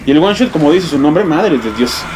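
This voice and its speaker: A young man with a Mexican accent giving excitable, swear-filled let's play commentary, yelping and exclaiming as he plays. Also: on the high side, moderate pace, background noise. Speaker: gamer.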